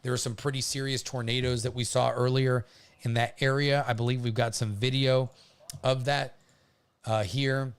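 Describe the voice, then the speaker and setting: A man hosting a livestream, giving casual storm commentary in an informal, halting way, often pausing to hesitate. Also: mid-range voice, flat delivery, clear, resonant tone. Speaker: livestream host covering a hurricane.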